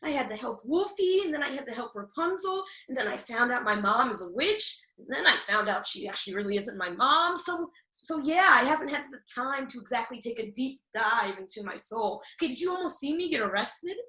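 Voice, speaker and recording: A woman plays a small storybook girl with a very high, bright voice, all flustered sarcasm and nervous defiance. She is acted for a comedic radio play, in a roomy, echoing space. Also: lively intonation, brisk, few pauses. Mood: defensive.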